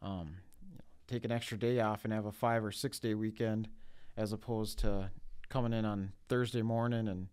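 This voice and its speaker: A man's voice: lowish voice, fairly even intonation, moderate pace, a little mellow, smooth. A man on a logistics panel, speaking casually and practically, explaining things through what drivers face day to day.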